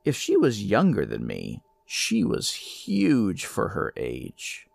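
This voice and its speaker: A man narrating a first-person horror story in a slow, measured storytelling manner. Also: lowish voice, wildly swooping pitch, gravelly, dry recording.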